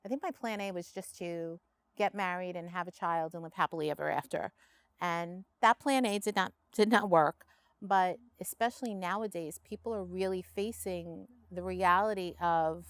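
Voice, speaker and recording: Woman interview host, slightly low voice, reflective and rambling, dry close sound. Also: fairly bright tone, no room sound. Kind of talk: casual interview chat.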